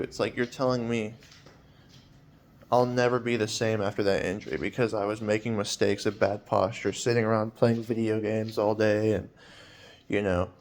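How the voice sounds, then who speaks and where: A man in his twenties talking in a personal vlog, hesitant and rambling with many fillers, sounding weary and anxious. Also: fairly low pitch. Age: 20s.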